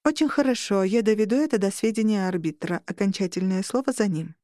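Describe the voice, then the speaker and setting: A woman narrates an audiobook in an even, expressive reading voice. Her pitch sits in the middle, and the recording is dry and close. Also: fairly quick, no room sound.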